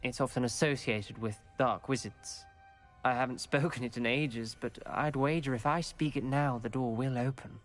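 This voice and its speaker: A man's voice: mid-range voice, moderate pace, natural voice. An actor playing an earnest, cautious young male wizard student who can speak to snakes, in video game dialogue over game music.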